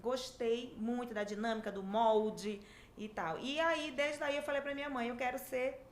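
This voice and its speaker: A woman in her fifties from Manaus with an Amazonas accent, a dentistry professor telling her story as a podcast guest in a lively, chatty way. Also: fairly high pitch, normal speed. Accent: Amazonas Brazilian Portuguese. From Manaus, Brazil. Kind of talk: casual interview chat. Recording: echoey room, faint background hiss.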